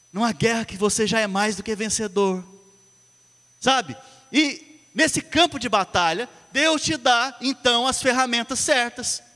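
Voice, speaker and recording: Brazilian pastor, high voice, preaching in a big echoey church. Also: male voice. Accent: Brazilian Portuguese. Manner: energetic, call-and-response with the congregation. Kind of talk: sermon. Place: church hall. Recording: long reverb of a church hall.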